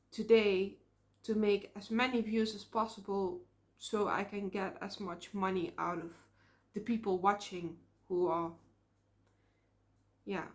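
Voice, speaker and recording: A young Dutch woman, a small YouTube creator, talks to the camera in a casual vlog with a mid-range voice and Dutch accent. She's earnest and reflective, frequently pausing on fillers.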